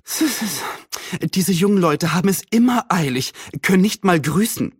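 A man's voice: fairly high pitch, normal speed, no echo, studio quality, pitched above the performer's own voice, natural voice. A man voicing a prim, nosy middle-aged woman neighbor who sounds a little disapproving and fussy.

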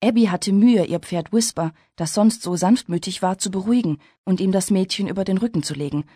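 A woman reading a story aloud in steady, measured scripted narration. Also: medium pitch, breathy edge, dry recording, clean studio sound. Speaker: audiobook narrator.

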